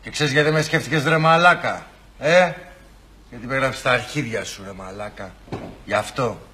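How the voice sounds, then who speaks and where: A man's voice: mid-range voice, pushed and bright, slight background noise, natural voice. A man playing a sneering collector who badgers and mocks another man about owed money. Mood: taunting. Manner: mocking, badgering questions. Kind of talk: comedy sketch acting.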